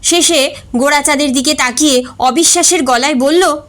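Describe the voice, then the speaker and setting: A woman narrating a comic short story in a measured, expressive way. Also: high-pitched.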